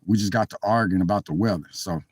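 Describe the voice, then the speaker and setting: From a cold car, a man streams live and talks fast to his chat, rambling, heartfelt and apologetic. His low-pitched voice is husky and darkish, recorded on a dry phone mic with no echo.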